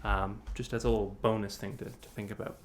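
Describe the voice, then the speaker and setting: A vocal coach leads an online singing workshop over a video call, explaining breath support in loose, rambling phrasing with plenty of restarts. His voice is lowish and fairly quick, with little pitch movement. He demonstrates sighs and sung examples as he goes.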